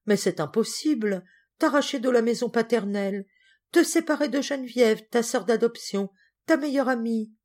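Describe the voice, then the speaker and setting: A woman voicing an excitable, indignant middle-aged spinster cousin in an audiobook, with exclamatory, melodramatic speech. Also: a little high.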